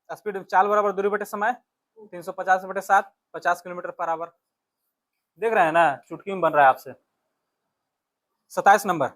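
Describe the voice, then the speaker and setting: In his high, slightly bright voice, an Indian-accented man leads an instructional physics exam lesson. He works through questions, repeats the important phrases, and checks in with quick tags.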